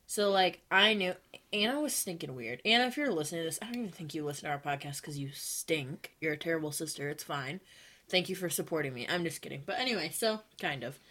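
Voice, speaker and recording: A young woman co-hosting a podcast, telling stories in casual chat, animated and full of likes. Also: sits low, fast. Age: young adult. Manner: animated storytelling, many likes, laughs while talking. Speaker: podcast co-host.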